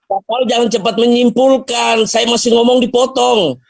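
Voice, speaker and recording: Insistent high-voiced man debating. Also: steady tone, normal speed, gravelly, no room sound. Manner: insistent, repeats short phrases, pushes for his turn. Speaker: guest debater. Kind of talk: heated debate on a video call. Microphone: video call.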